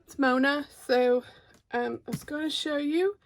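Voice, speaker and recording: Faint music plays behind a craft creator from Arkansas as she hosts an unboxing, her phone clamped overhead. She speaks in a high-pitched Southern-accented voice with a steady tone, unhurried, casual, and a touch hesitant.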